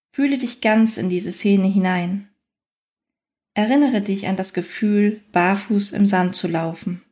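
A woman narrating a scripted guided fantasy journey in a soothing, unhurried manner, leaving long pauses between phrases. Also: mid-range voice, darkish tone.

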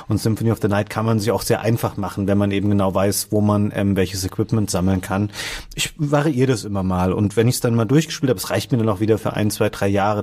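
A man talks as a panellist in an informal games discussion. His voice is on the low side, and his style is plain conversation. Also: a little mellow. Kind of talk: casual chat.

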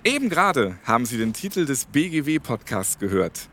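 A man hosting a podcast, presenting clearly and asking interview questions at a trade fair venue. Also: mid-range voice, sing-song, moderate pace, background noise. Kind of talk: moderated reporting and interview questions.

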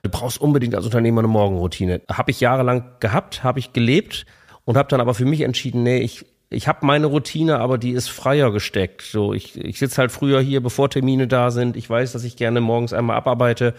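A man at a middle pitch hosts a podcast conversation. He thinks aloud in a reflective way, pausing on fillers and tagging his points with a questioning "ne?". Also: steady tone. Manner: reflective, hesitant with fillers and tag "ne?". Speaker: podcast host. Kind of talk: podcast interview.

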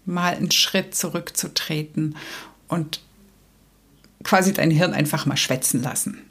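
A woman hosting a solo podcast, calmly explaining to the listener. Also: on the low side. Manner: calm, explanatory, addresses listener directly. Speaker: podcast host and coach.

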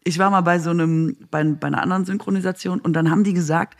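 A woman co-hosting a podcast, telling anecdotes in a casual, animated way. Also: fairly low pitch, quick pace. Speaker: podcast co-host.

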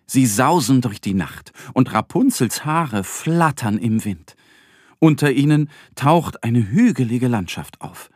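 A man narrating a children's story in a slow, gentle, expressive bedtime-reading manner. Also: mid-range voice, no room sound, studio quality.

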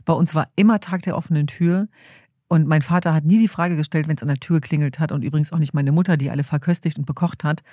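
Earnest woman with a dark, dry voice. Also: deep voice, steady tone, quick pace, no room sound. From Germany. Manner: earnest, storytelling, acts out quoted family voices. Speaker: activist, interview guest. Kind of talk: reflective interview talk.

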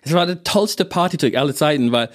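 A man's voice: fairly high pitch, expressive, fairly quick, fairly bright tone. A man from northern England, a native English speaker, talking as a comedian guest in an interview with an English accent, often restarting his phrases and chuckling at his own jokes. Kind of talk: casual interview chat.

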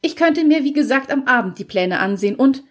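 A woman's voice: expressive, fairly quick. A woman doing a snippy, sarcastic tradeswoman. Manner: sharp, sarcastic, raised and higher pitched.

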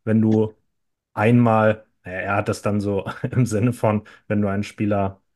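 A man speaking as a podcast guest, talking in a measured, thoughtful way. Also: fairly low pitch, little pitch movement, darkish tone. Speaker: guest, youth football coach and sports teacher. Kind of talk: conversational interview.

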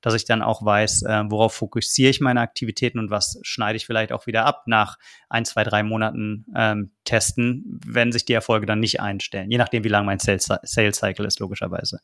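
A man hosting a podcast interview, asking long, measured questions with frequent ums. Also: fairly low pitch, flat delivery, a bit bright. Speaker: podcast host.

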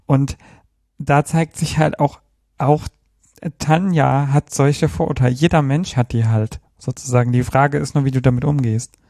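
Gravelly-voiced man musing hesitantly. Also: mid-range voice, steady tone, moderate pace, a little mellow, dry recording, clean studio sound. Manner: hesitant, thinking aloud. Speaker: podcast co-host. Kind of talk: casual chat.

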